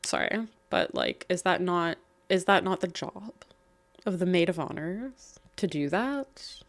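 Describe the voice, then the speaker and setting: A woman casually reading stories aloud and breaking in with chatty, animated asides to the viewer. She sounds slightly croaky. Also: fairly low pitch, measured pace. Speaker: host reading and reacting to online stories.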